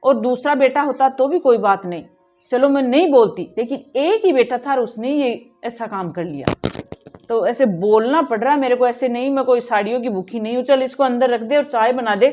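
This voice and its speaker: Casting a sulky reproachful mother-in-law, high pitched, played by a woman, dull lo-fi sound with faint music behind. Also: moderate pace, mellow, lightly acted. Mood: indignant. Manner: complaining, reproachful, scolding. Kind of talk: family drama acting.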